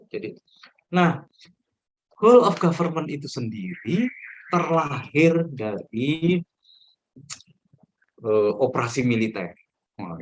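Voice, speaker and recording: A man's voice: mid-range voice, muffled recording. A middle-aged man giving a casual online lecture over a video call, joking, laughing often and quizzing the class.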